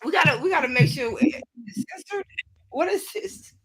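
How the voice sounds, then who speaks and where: Playful higher-voiced woman in her thirties. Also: lively intonation, unhurried, crowd noise, low-quality recording. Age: 30s. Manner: playful, blunt, laughs mid-sentence. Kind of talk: casual chat.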